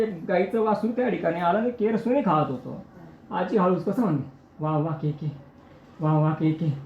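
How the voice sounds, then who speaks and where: A man's voice: high voice, darkish tone, slight background noise. Male preacher, storytelling sermon with sung verses; reverberant, dull-sounding recording. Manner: storytelling, addresses listeners directly, breaks into chanted verses. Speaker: kirtan preacher.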